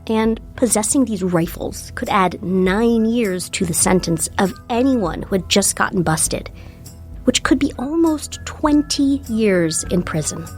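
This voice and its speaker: A woman's voice: mid-range voice, lively intonation, measured pace, soft background music. Wry woman narrating a podcast. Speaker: host. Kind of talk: scripted narration.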